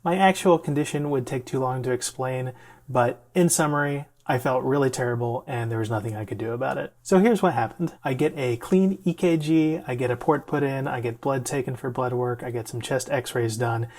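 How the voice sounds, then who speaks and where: A man's voice: mid-range voice, a little fast, a little mellow. A man telling a personal story in a conversational, self-deprecating way, with the odd laugh. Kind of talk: storytelling vlog.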